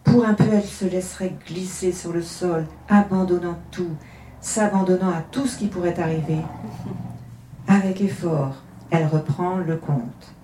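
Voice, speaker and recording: A woman reading a literary tale aloud in a measured, hushed way, then commenting on it. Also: on the low side, steady tone, a little hiss or hum. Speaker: reader. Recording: echoey room.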